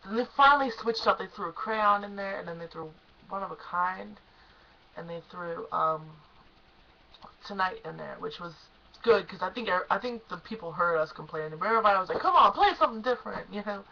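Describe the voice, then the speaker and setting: A young woman excitedly recapping a concert she went to, gushing and emotional, at times choked up. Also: lowish voice, brisk, creaky, highs cut off, a little hiss or hum. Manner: gushing, emotional, lots of "like" and "oh my gosh". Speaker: concert fan vlogger.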